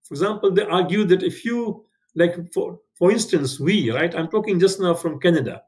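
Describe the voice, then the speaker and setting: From his home in Canada, a man from Tanzania whose first language isn't English gives an online lecture in a conversational style. His voice sits high and is a little mellow, with lively intonation at normal speed, and he often asks "right?" and corrects himself.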